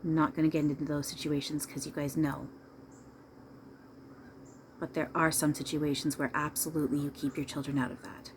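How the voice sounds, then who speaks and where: Low-voiced woman channeling as a seance medium. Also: little pitch movement, a little fast, long pauses, background noise. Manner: emphatic, repetitive, preachy counsel addressed to listeners. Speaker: trance medium channeling a spirit. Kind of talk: seance medium channeling, informal advice monologue.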